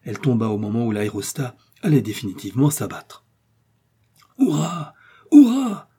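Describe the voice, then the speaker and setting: A man reading a classic adventure novel aloud as scripted audiobook narration, in a steady, measured way. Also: on the low side, slightly rough. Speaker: audiobook reader.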